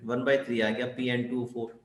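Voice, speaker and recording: The chemistry teacher speaks fairly fast in a level, mid-range voice, switching between Hindi and English terms as he explains. He keeps asking his students questions and answering them on his own. Faint ambience and echo fill the room.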